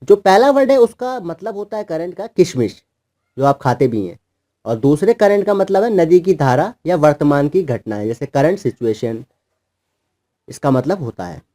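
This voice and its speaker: Lively man teaching kids English words. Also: a little high, normal speed. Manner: spells words out letter by letter; patient, repetitive teaching. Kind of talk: explaining word meanings to children.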